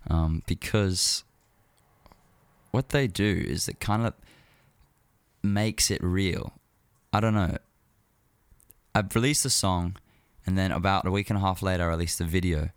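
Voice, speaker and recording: Solo music show host, male, low register, dry sound, informal and rambling delivery. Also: no echo. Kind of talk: casual solo talk about music.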